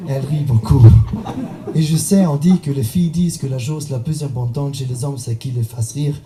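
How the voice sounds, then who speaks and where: A man's voice: mid-range voice, steady tone, brisk, noisy background. A man from German-speaking Switzerland with a Swiss German accent, telling a humorous slam poem in French, his second language. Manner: humorous storytelling, playful sung asides. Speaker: slam poet. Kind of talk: slam poetry performance.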